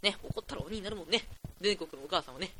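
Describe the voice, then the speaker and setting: A teenage boy of about fifteen hosting a solo podcast, rambling in an excitable, chatty, jokey way at a desk mic. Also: sits high, quick pace, a little hiss or hum. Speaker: podcast host.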